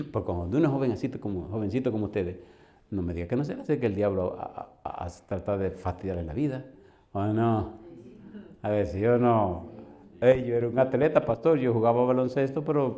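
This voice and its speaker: A man, a pastor telling personal stories in a sermon, animated and laughing as he acts out dialogue. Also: mid-range voice.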